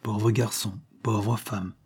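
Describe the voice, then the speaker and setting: A man's voice: mid-range voice, normal speed, dark tone, husky, natural voice. A man reading a novel aloud, voicing a grieving man once wrongly accused of murder, heartfelt and mournful. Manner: heartfelt, mournful, tearful pleading.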